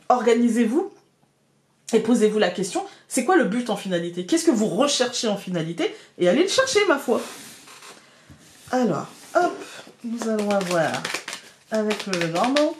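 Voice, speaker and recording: A woman's voice: fairly high pitch, big pitch swings, brisk, darkish tone, reverberant. Hesitant Picard woman reading cards. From France. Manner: hesitant, many fillers and restarts, addresses viewers directly. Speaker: tarot card reader. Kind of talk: weekly card reading guidance.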